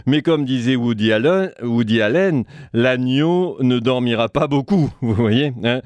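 A man's voice: mid-range voice, animated, unhurried, a little mellow, clean tone, no echo. A man giving reflective spoken commentary in a professorial manner, tagging his phrases with little asides and playing on words. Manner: professorial, tags phrases with "hein" and "vous voyez"; fond of wordplay and quotations. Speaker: commentator on a broadcast series.

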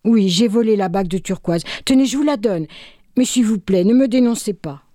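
Woman reading a guilty minister begging, voice lifted and pleading; warm. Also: mid-range voice, lively intonation, a little fast, no echo, clean studio sound, voice pushed up, lightly acted. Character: guilty thieving royal minister man, pleading.

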